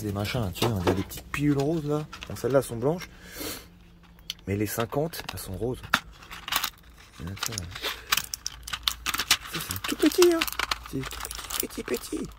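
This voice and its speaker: Background noise accompanies a man's lowish voice as he vlogs outdoors beside a campfire. He's a van-life vlogger in casual chat mode, rambling on with plenty of slang and free swearing.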